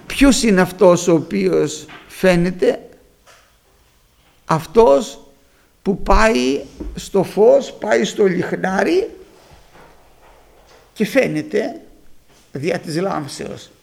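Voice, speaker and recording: Man, sermon, high-pitched voice, gravelly edge, emphatic preaching. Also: lively intonation, long pauses. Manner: emphatic, rising to high loud peaks, addressing the congregation.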